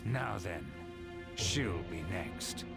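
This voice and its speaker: An actor playing a scheming middle-aged male villain in a video game, speaking in a slow, smug way. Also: low-pitched, lively intonation, vocal fry, full character voice. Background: loud game music.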